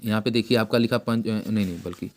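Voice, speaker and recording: A man giving an informal math lesson who keeps repeating terms and quizzing his pupil with quick questions. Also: fairly low pitch, steady tone. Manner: plain conversational delivery with frequent restarts. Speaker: math teacher.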